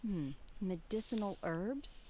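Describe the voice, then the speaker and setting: A woman voicing an aloof, blunt young woman warrior who speaks calmly and matter-of-factly, in game cutscene dialogue. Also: mid-range voice, slow, a little hiss or hum, close to an everyday voice. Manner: calm, detached, matter-of-fact.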